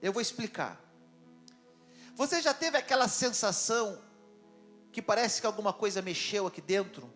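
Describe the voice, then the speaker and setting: A pastor preaches in a church with a very high voice, dramatic and conversational. He asks his congregation questions as he speaks. Soft music plays faintly behind him. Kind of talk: sermon.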